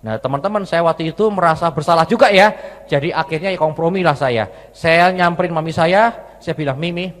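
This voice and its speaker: A man's voice: on the high side, fairly quick, fairly bright tone. A male preacher giving a sermon with personal stories, in a conversational tone, repeatedly addressing his listeners as friends. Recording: long hall reverb.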